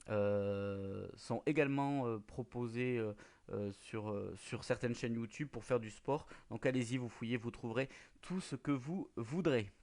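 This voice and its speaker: A man hosting a local radio show, reading out tips and often pausing on filler sounds. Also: mid-range voice, darkish tone. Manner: hesitant, many filler sounds between phrases.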